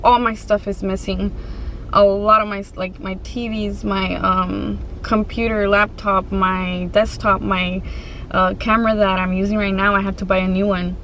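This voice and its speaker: A woman's voice: mid-range voice, little pitch movement, normal speed, a bit bright, low-quality recording. Casual woman vlogger with noticeable background noise. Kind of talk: casual storytime chat to viewers.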